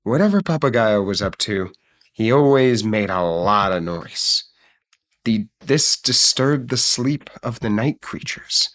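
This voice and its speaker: A man reading a picture book aloud on a casual stream, relaxed and jokey, with swearing asides. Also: on the low side, measured pace.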